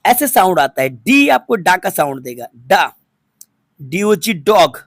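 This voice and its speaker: Slow, patient male English teacher. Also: high voice, big pitch swings, no room sound, clean studio sound. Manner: patient, spells out letters one by one and repeats words. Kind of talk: phonics lesson for students.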